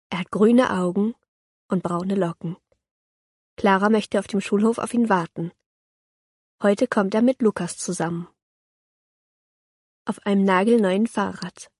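Calm woman reading a children's story. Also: medium pitch, husky, no echo, clean studio sound. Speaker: narrator.

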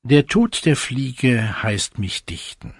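A man's voice: mid-range voice, sing-song, slow, breathy edge, no room sound, clean studio sound. A man reciting fables and short poems in a declamatory, dramatic manner.

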